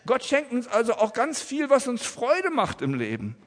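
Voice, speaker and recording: A man's voice: extremely high pitch, wildly swooping pitch, normal speed, in a large hall. A man preaching a family sermon to children and adults in a church, using simple, friendly words for the children. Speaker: pastor.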